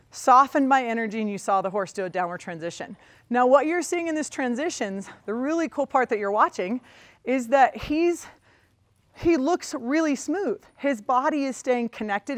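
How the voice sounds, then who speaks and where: Calm woman instructor coaching while lunging. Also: on the high side, no echo. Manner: calm and encouraging, praising the horse often. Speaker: riding instructor. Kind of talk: demonstration lesson while lunging a horse.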